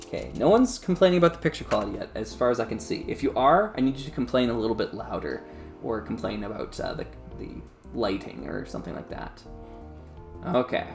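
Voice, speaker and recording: Rambling man on a live stream, gravelly. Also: medium pitch, very animated, brisk, music in the background. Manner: rambling, talks to chat, many restarts and laughs. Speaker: YouTube creator live streaming. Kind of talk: casual live-stream chat.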